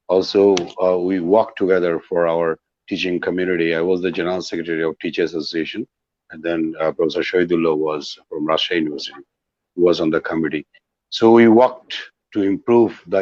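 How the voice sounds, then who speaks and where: Deep-voiced Bangladeshi man lecturing. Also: darkish tone, no room sound, muffled recording. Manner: emphatic, repeats key words. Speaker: English language lecturer. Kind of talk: online lecture.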